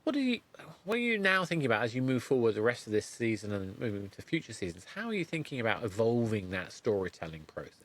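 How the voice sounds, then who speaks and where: Interviewing a guest on his podcast, a middle-aged man speaks at a medium pitch with a fairly bright tone and big pitch swings. His talk meanders and halts, full of breaks and self-corrections.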